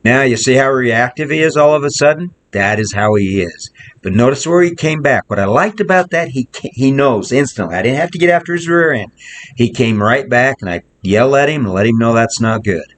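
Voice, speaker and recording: A man's voice: medium pitch, lively intonation, a little fast. A male horse trainer gives plainspoken commentary while working a horse outdoors in the snow, repeating short coaching phrases. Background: wind.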